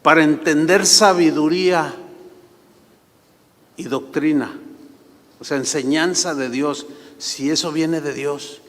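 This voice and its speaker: High-voiced pastor preaching. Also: male voice, a bit bright, in a large hall. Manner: conversational storytelling, asks the congregation questions. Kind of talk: sermon.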